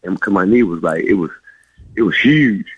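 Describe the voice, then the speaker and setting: A man's voice: deep voice, moderate pace, husky, dry recording, lo-fi sound. A man, a former player, telling long stories in a radio interview with lots of restarts. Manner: rambling, animated, many restarts. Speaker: former college basketball player, guest.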